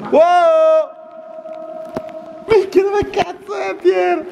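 A man exploring a cave shouts with excitement, and his voice rings back in a huge cathedral-like cave echo. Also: extremely high pitch, drawn-out words, gravelly, dull audio, crowd noise, background noise. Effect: big cathedral-like cave echo on his shouts. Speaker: caver filming an exploration. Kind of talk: live exploration vlog commentary.

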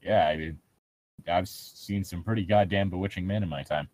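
A man casually bantering and reading a story aloud, sardonic and quick to swear. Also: low voice, darkish tone.

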